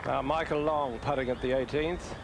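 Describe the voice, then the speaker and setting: A man's voice: mid-range voice, steady tone, normal speed, creaky. A man giving live golf commentary in sparse, conversational remarks. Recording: very noisy outdoor broadcast sound.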